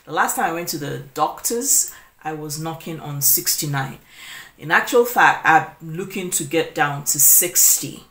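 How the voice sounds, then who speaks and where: A woman's voice: low-pitched, animated, unhurried, fairly bright tone. A woman in her forties talking casually to camera as a lifestyle vlogger. She rambles, restarts her sentences and fills gaps with "you know". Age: 40s. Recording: echoey room.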